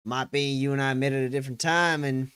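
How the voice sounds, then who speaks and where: A man playing a folksy, world-weary, shrewd frontier character in a tabletop role-play, musing with pauses. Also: mid-range voice, fairly even intonation, fairly bright tone, clean tone, natural voice. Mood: musing, calm. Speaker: tabletop role-play player or game master.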